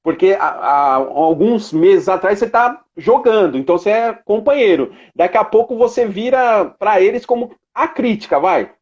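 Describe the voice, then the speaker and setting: Talkative male host with a high voice, on a dull, lo-fi live-stream line. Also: expressive, moderate pace, hardly any pauses. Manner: chatty, prompting the guest with follow-up questions. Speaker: sports show host. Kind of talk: casual live interview.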